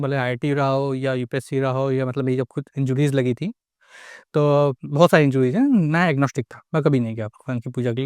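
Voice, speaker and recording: A man's voice: a little high, no room sound, studio quality. A young Indian man giving a casual astrology lecture, mixing English into his speech and asking rhetorical questions. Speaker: astrology teacher.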